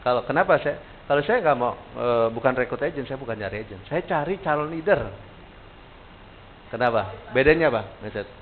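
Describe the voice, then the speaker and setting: A man leads a training session in a relaxed, conversational way. He keeps turning questions back to his listeners. The recording sounds thin and tinny, with a light hiss under it. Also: medium pitch, brisk. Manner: casual, animated, quizzes the audience. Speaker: sales trainer. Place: training room.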